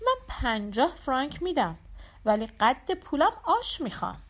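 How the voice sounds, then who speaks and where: A woman's voice: sits high, big pitch swings, voice pushed up. A woman voicing a cold, cruel young man who gives curt commands, in an audiobook reading. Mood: taunting.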